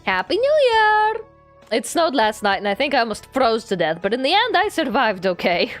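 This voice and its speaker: Woman as a bright-eyed, high-voiced schoolgirl heroine. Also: sing-song, a little fast, soft background music. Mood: cheerful. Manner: bubbly, teasing, polite. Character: cheerful young female student heroine, blunt, friendly. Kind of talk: visual novel character reading.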